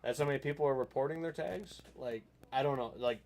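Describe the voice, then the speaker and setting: A man hosting a casual hunting podcast, rambling and animated, often checking that the listener follows. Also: mid-range voice, brisk, crowd noise. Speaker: podcast host.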